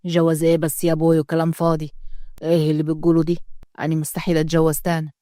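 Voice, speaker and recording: Lady doing a harsh upper egyptian mayor, low dark voice, quick and curt. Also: monotone, no room sound, clean studio sound, natural voice. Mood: gruff. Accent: Upper Egyptian Arabic. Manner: curt and scolding. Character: stern Upper Egyptian village mayor, young man, harsh and proud. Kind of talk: storytelling read-aloud.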